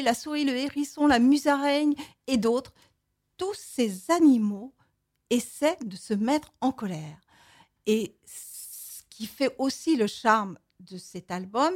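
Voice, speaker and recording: Lady hosting a kids book slot on the radio, lively, bit high pitched. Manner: lively, expressive reading. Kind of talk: book review and read-aloud on radio.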